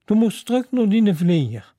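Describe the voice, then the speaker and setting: A storyteller voicing a gentle, earnest little prince, a small boy, speaking plainly and a little pleadingly. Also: medium pitch, very animated, normal speed, no room sound, clean studio sound.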